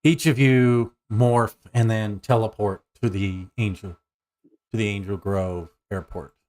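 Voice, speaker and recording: A man narrating as game master of a tabletop game, slow and drawn-out. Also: fairly low pitch, steady tone, darkish tone.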